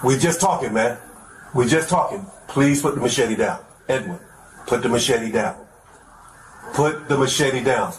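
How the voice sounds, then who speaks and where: A male police officer negotiating calmly, repeating the same pleas over and over inside a building. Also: medium pitch, moderate pace. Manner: calm, insistent, repeats pleas. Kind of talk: crisis negotiation. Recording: echoey body camera audio with background noise.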